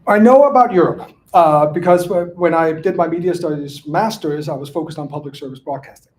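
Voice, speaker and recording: A man from Denmark, an author answering audience questions in casual academic talk, halting with many restarts and fillers. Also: on the high side, a little mellow, slight background noise.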